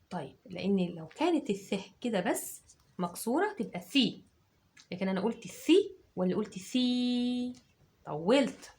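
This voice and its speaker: An Egyptian woman teacher dictating words to children, patiently breaking them into drawn-out syllables and repeating them. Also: mid-range voice, darkish tone. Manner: slow, syllable by syllable, drawn-out sounds.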